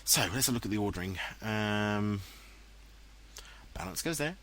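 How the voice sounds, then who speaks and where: English male let's-player, low-pitched and chatty, self-mocking, faint background hiss. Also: lively intonation, normal speed, fairly bright tone. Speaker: let's play commentator. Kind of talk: casual game commentary. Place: home room, voice-over recorded later. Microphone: headset, dubbed in post-production.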